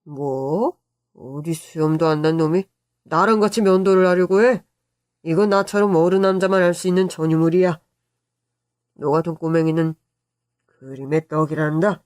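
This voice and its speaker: A woman voicing a kind-hearted middle-aged uncle who talks in a gruff, playful, blustering way. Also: low-pitched, fairly even intonation, moderate pace, long pauses, darkish tone, no room sound, clean studio sound, lightly acted. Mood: teasing.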